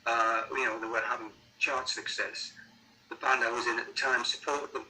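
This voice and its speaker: A mature man with a Sunderland accent talks casually in an interview. His voice is very bright and sharp at a medium pitch, and he often restarts words as he thinks. There is a faint noise behind him. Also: little pitch movement, low-quality recording. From Sunderland, North East England. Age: middle-aged or older. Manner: halting, repeats words while thinking. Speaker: musician being interviewed.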